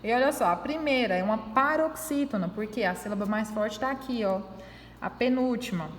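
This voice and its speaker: A woman's voice: a little high, moderate pace, slight background noise. A woman teacher going over a corrected test, explaining each answer patiently and step by step, checking in with frequent tag questions. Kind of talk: reviewing a test with students. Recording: echoey room with long reverb.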